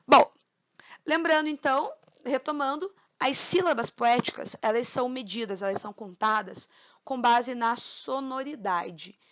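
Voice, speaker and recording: High-pitched woman teaching a lesson. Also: fairly bright tone, lo-fi sound. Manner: counts syllables aloud slowly, asks for agreement with tag questions. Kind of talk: literature lesson.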